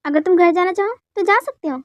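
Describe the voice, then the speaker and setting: A woman voicing a middle-aged father who speaks gently and reassures his son and wife, in a dubbed fan story. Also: very high-pitched, quick pace, no room sound. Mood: calm. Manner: gentle, steady.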